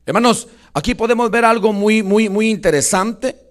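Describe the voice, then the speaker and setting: A man preaching a sermon as pastor in a church, impassioned and often loud, constantly addressing the congregation as brothers and pausing with hesitations. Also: sits high. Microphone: church microphone with a loose cable.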